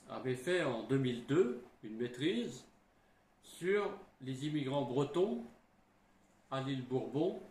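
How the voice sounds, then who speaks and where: Middle-aged guy historian, slow and halting, roomy sound. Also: medium pitch, darkish tone, a little hiss or hum. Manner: halting, frequent "hein" and restarts. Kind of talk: explanatory talk. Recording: roomy with faint ambience.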